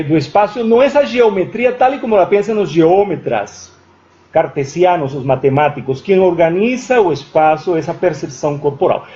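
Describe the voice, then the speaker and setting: Heard on a dull lo-fi recording from a university lecture room, a guest lecturer with a high, warm voice reasons aloud. He often starts over and checks in with "certo?" once each point is made.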